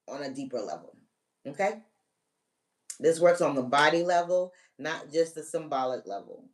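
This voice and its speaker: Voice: mid-range voice, darkish tone. A spiritual reader on a live stream, talking viewers through a ritual step by step in a casual, emphatic coaching way and checking in often. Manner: emphatic, direct commands. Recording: voice a bit distant from the mic.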